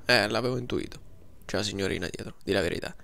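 A man's voice: fairly low pitch, fast, vocal fry, bright, forceful tone. A man giving casual, slangy, joking commentary over gameplay.

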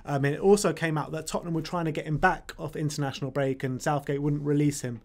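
A man's voice: a little high, steady tone, quick pace. A young man hosting a football fan show, speaking casually and matter-of-factly into a desk mic in a small studio. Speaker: football fan channel host. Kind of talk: casual football chat, leads the segments. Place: small studio with brick wall. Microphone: desk microphone.

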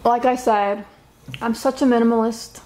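A woman's voice: on the high side, steady tone, normal speed, darkish tone, slight background noise. A woman in her twenties bantering in a laid-back, teasing way during a home vlog in an apartment. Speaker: vlogger, co-host. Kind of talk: casual chat. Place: small apartment, indoors.

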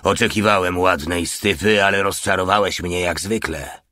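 A man's voice: sits low, normal speed, pushed and bright, no room sound, studio quality. A man voicing a sarcastic, cold male boss of a smuggling outfit, in an audiobook.

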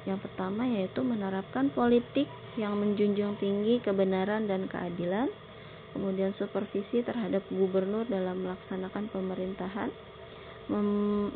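Woman teacher talking through slides, lots of um-type fillers, tinny phone sound, a little hiss. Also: mid-range voice. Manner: explaining slowly with frequent filler words. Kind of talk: recorded slideshow lesson.

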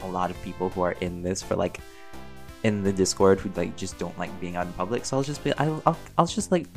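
Speaking with a lowish voice and vocal fry, a man who creates channel content and does voice acting answers fans' questions in a rambling, casual Q&A. He's slangy, playful and talkative, keeps cutting himself off, and often bursts into laughter against background music.

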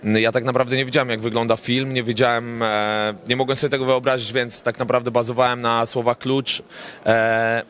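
A young man, a rapper and songwriter, answering red-carpet questions in a relaxed, rambling way with many filler sounds, into a handheld reporter mic at a cinema premiere. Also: medium pitch, normal speed. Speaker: rapper and songwriter, interview guest. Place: indoor cinema premiere event, crowded lobby. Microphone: handheld reporter mic held near him.

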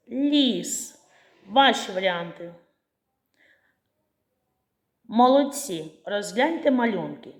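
A woman teacher gives a slow, clear lesson to small children, carefully laying out every step and answering her own questions. Her voice is mid-pitched, and the room echoes around her.

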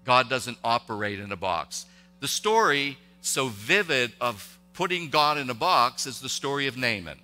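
Male pastor, intense and tense-toned, folksy halting sermon delivery, long church-hall reverb. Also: medium pitch, big pitch swings, sharp tone, soft background music. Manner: conversational, halting, many restarts and rhetorical questions. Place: church sanctuary.

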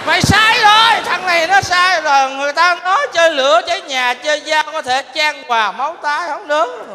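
A man's voice: very high-pitched, expressive, fast talker, a crowd in the background, background noise. An actor in a stage comedy sketch playing a clowning drunk man who reasons in a mock-serious way. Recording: reverberant stage hall.

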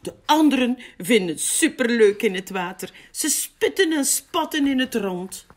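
A woman reading a children's picture book aloud in a gentle, expressive way. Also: on the high side, normal speed. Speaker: library storyteller.

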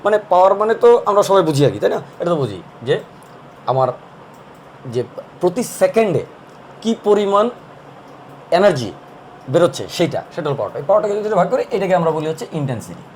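A man's voice: high-pitched, big pitch swings, brisk, long pauses, slight background noise. A man teaching, explaining step by step at a board in a casual lesson.

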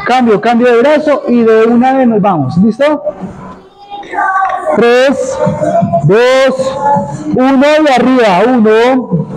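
Man, barking gym coach, very high pitch, very slow spaced counting, energetic commands, music behind. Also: poor audio. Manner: energetic, exerting while exercising. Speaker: fitness instructor. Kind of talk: live group workout coaching, counting repetitions. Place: indoor home gym. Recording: loud music under the voice. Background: workout music.

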